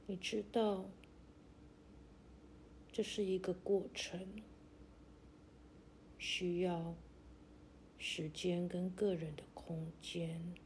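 A woman narrating a guided meditation like a sleep story, in a gentle, soothing, deliberate way with long pauses. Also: fairly low pitch, little pitch movement, slight background noise.

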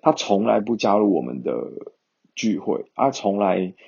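A man's voice: on the low side, sing-song, unhurried, creaky, warm tone, slightly rough, muffled recording. A young man, chatting casually to viewers in a rambling way with many fillers. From Taiwan.

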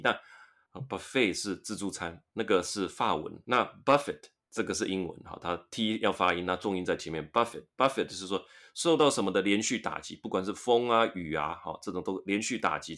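A man's voice: sits low, fairly bright tone. A man hosting a podcast lesson, reading English news passages aloud and explaining them in with frequent tag particles. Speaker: podcast host teaching English through news articles.

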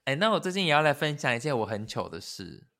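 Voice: medium pitch, sing-song, creaky, fairly bright tone. A podcast co-host, chatting casually, teasing the other host and telling a funny story. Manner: quick, chatty, teasing, laughs easily.

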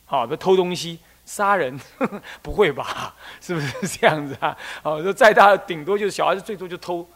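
A man's voice: fairly high pitch, a bit bright. A man, a Buddhist abbot from Taiwan, giving a casual talk on raising children, acting out little parent-child scenes and often checking that listeners follow. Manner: conversational, acts out parent-child dialogues, frequent "懂我意思吗" check-ins.

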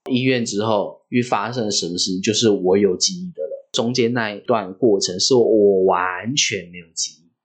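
A man, hosting a podcast and telling a story in a vivid, animated way. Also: lowish voice, normal speed. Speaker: podcast host.

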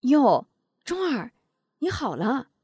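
A woman's voice: sits high, big pitch swings, slow pace, a little mellow, husky, no echo, clean studio sound, voice pushed up, full character voice. A woman voicing an older village aunt who fusses and chatters shrilly, startled by the news. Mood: startled, fussing.

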